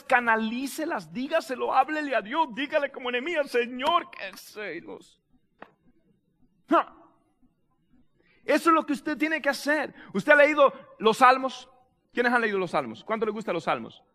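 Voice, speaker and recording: High, bright-voiced preacher man in a reverberant hall. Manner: animated preaching with rhetorical questions and acted-out prayers. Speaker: pastor. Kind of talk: sermon.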